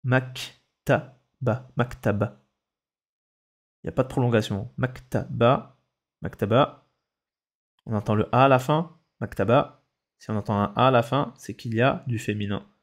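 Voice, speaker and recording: A man's voice: mid-range voice, normal speed, long pauses. A male Arabic teacher giving a dictation lesson, patiently repeating each word and breaking it into syllables. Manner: patient, instructive.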